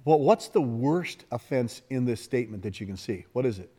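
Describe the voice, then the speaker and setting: A man's voice: mid-range voice, animated, moderate pace, mellow, breathy edge. A man preaching a sermon in an emphatic, conversational way, often asking his listeners questions.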